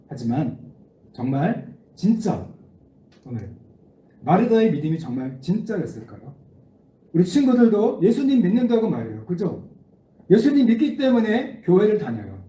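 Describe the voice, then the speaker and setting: A man giving a children's sermon, asking the kids questions as he leads them through a Bible passage. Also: high voice. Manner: animated, asks the children questions. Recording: echoey room, distant mic, faint noise.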